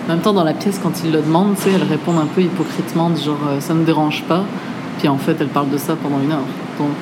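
A woman's voice: low voice, quick pace. Chatty woman interviewer in a noisy café. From France. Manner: chatty, relaxed, laughs easily. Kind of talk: casual conversation.

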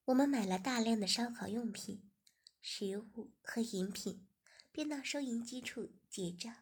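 A woman narrates a story in a steady, even reading voice. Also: fairly high pitch, measured pace, husky. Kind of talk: scripted narration.

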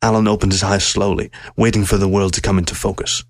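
Low-voiced man reading a story. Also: dry recording. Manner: steady, measured storytelling. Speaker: narrator. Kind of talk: audiobook reading of a science-fiction story.

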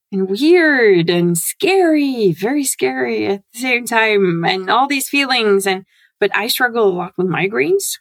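Guest: woman, lively and laugh-prone, slight vocal fry, dry close sound. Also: mid-range voice, no room sound. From Norway. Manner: animated, laughs often, quick bursts. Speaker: guest, CRM consultant. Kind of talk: casual interview chat. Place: home.

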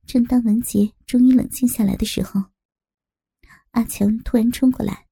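A woman narrating a crime audiobook, telling the story in a steady, dramatic way. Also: fairly high pitch, moderate pace, vocal fry, breathy edge.

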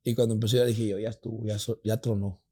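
Husky mexican dude telling a crazy story, swears a lot, does all the voices. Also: male voice, fairly low pitch, very fast. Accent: Mexican Spanish. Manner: animated, acts out voices in his story, swears freely. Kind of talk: casual storytelling chat.

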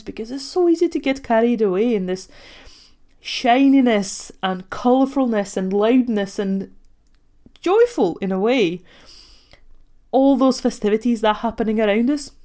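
A woman in her thirties from Latvia with Russian as her first language, hosting a podcast as a life coach in a gentle, reflective solo talk, often breaking into light laughs. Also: medium pitch. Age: 30s.

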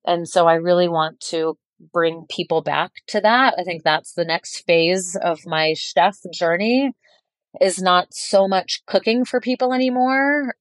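A woman's voice: on the low side, unhurried, no echo. A woman in her forties, a chef, speaking as a guest in a podcast interview, earnest and reflective and often restarting a phrase. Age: 40s.

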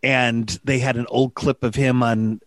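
A man's voice: mid-range voice, flat delivery, unhurried, a bit bright, dry recording. A man hosting a podcast, chatting in an upbeat way and laughing often. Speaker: podcast host. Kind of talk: casual podcast chat.

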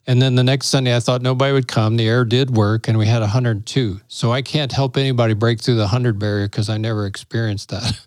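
Animated male pastor telling stories, dry sound. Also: mid-range voice, a little fast, few pauses, no room sound. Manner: animated, acts out quoted dialogue, laughs often. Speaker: pastor and guest. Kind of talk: casual storytelling conversation.

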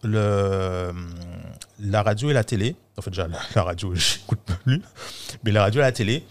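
A man's voice: on the low side, moderate pace. A man giving his opinion in a casual studio round-table chat, emphatic and sure of himself. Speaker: podcast guest.

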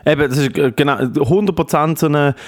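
A man's voice: on the high side, fast talker, no echo, clean studio sound. A man, riffing and joking as a podcast co-host. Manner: jokey, riffing, interjecting. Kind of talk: casual banter.

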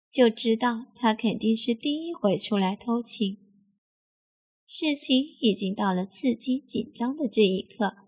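A woman with a fairly high voice reads an erotic story aloud. Her pace is slow and unhurried, and she keeps an even, steady reading tone throughout. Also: husky. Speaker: narrator. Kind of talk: scripted erotic story narration.

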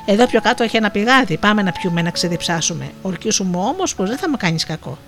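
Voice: medium pitch, expressive, fairly bright tone, faint music behind. A storyteller voicing a sly, cunning female fox, wheedling and moaning theatrically, in an Asia Minor Greek dialect. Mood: crafty.

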